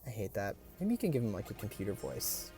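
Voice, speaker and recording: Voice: mid-range voice, wildly swooping pitch, quick pace, dark tone, husky, soft background music. A let's-play host rambling in casual commentary over a game, chatty and full of fillers.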